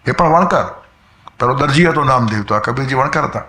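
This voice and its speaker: A man's voice: medium pitch, animated, brisk, pushed and bright, reverberant. A man giving a spiritual discourse, telling stories, quoting verses and acting out voices. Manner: storytelling, quotes verses, acts out voices. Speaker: spiritual speaker.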